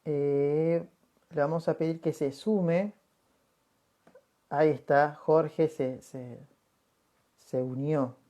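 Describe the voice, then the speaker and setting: A man with an Argentine Spanish accent hosts a casual livestream interview. He talks in a friendly, unhurried way and leans on many fillers as he welcomes his viewers. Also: on the high side, steady tone, warm tone. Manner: friendly, slow-paced, filler-heavy. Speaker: livestream host.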